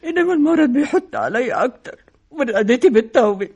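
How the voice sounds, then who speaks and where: Sick egyptian mom, husky and teary, low dark tone, radio play. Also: female voice, expressive, fast. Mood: tearful tender. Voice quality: husky, tearful. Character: ailing mother, tender and worried. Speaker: mother. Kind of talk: radio drama acting.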